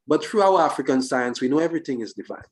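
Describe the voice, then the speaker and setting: Slightly high-pitched with lively intonation, this man works through philosophical reasoning in a discussion, delivering each phrase deliberately and posing questions.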